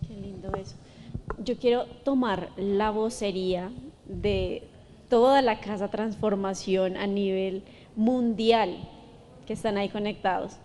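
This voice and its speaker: A woman's voice: medium pitch, fairly even intonation, unhurried, mellow, a little hiss or hum. A woman podcast host, asking a guest earnest questions. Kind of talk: interview questions.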